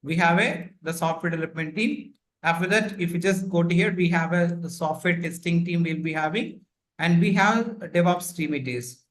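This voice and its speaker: Speaking at a normal speed with a fairly high pitch and fairly bright tone, a male instructor explains things to his live online class via a computer mic on a video call. The explanation is repetitive and heavy with fillers, "like, you know" coming up again and again.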